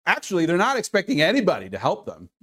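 A man preaching a sermon in an earnest, conversational way, now and then calling out loudly. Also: high-pitched, wildly swooping pitch, fast talker, slightly rough. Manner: earnest, conversational preaching with sudden loud calls. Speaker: pastor.

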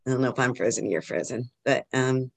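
A woman on a video call, talking hesitantly as a class participant with frequent pauses and fillers. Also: extremely low pitch, creaky, breathy edge. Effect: heard over a video call. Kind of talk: casual chat.

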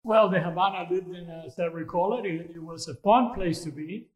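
Older man from Cuba as interview guest; high-ish voice, measured and earnest, halting delivery. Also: a little mellow, low-quality recording. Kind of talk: casual interview answers.

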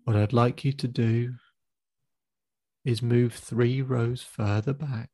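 A man acting as a therapist, leading a guided visualization exercise in a slow, calm, instructive way and counting the listener in. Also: medium pitch. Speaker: therapist guiding a client.

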